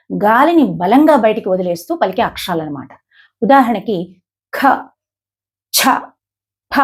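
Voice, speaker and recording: A woman giving a lesson on pronouncing shlokas, explaining slowly and demonstrating each sound with stressed examples. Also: fairly high pitch, slightly rough. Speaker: advocate teaching shloka pronunciation.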